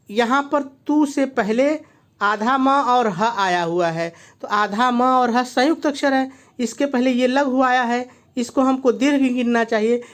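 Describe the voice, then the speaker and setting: A male teacher giving a video lesson, who asks himself why and then answers, repeating each key point. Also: extremely high pitch. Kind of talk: classroom-style video lesson.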